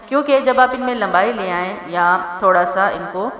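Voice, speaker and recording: A woman teaching tajweed rules, spelling out letters and vowel marks and drawing out the recited words slowly, often asking if her listeners follow. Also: medium pitch, crowd noise. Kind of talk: tajweed lesson. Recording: echoey room with long reverb.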